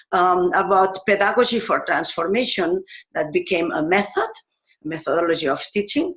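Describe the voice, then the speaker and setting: A woman teacher from Spain, explaining her ideas in English earnestly, pausing often and searching for words. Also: fairly low pitch. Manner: earnest and searching, with frequent pauses and fillers. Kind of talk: explanatory talk in a video series.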